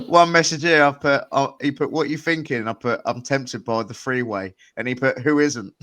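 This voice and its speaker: A young man, talking loosely and joking with friends on a podcast. His voice sits at an ordinary middle pitch. He chuckles between lines and keeps the chat relaxed. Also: moderate pace. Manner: laid-back, jokey, chuckling. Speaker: podcast co-host. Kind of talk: casual chat.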